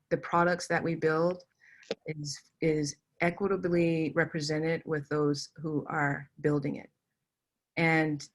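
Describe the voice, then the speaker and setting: A woman panelist answering thoughtfully with many pauses and fillers. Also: deep voice. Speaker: panelist, tech engineering director. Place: Los Angeles area.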